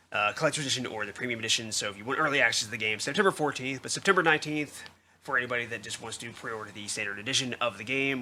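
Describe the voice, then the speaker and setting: A man hosting a gaming video, talking casually and excitedly with lots of restarts and repeats. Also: medium pitch, a little hiss or hum. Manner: excitable, rambling, repeats himself. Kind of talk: casual game commentary. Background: loud music.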